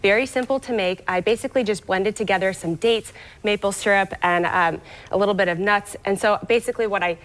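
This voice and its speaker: On a TV morning show, a woman guest on a lifestyle segment walks through health tips in the studio, upbeat and explanatory. Her medium-pitched voice moves fairly quickly.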